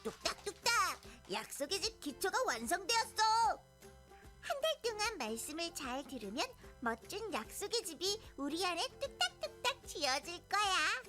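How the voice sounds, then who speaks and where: Super high squeaky kid builder, bouncy and eager, cartoon style, music behind. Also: female voice, sing-song, moderate pace. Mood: cheerful.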